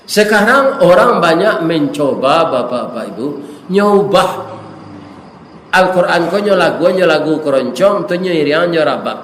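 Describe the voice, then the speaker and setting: A man's voice: a little high, a bit bright, a little hiss or hum. A middle-aged man with a Minangkabau accent preaching a humorous sermon, joking with the congregation. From Indonesia. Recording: roomy echo with long reverb.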